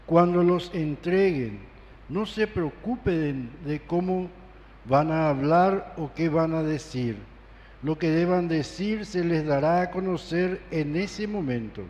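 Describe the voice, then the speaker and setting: A man's voice: on the high side, darkish tone, muffled recording. A man, a priest, solemnly reading scripture at Mass, his voice carrying a cathedral-like echo in a large church. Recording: long reverberant church echo.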